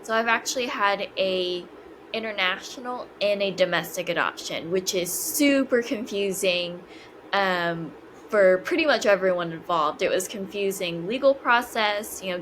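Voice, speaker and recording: A woman's voice: medium pitch, normal speed, fairly bright tone, a little hiss or hum, poor audio. A woman in her twenties, a podcast guest, talking hesitantly with many fillers and restarts. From China. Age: 20s. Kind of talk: casual interview conversation.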